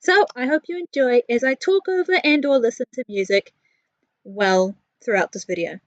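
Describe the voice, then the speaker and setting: Speaking at a normal speed in a slightly high voice, a woman with a New Zealand accent voices over her gaming build vlog as the creator. She is chatty, casual, candid and self-deprecating. The recording has no room sound and a lo-fi quality.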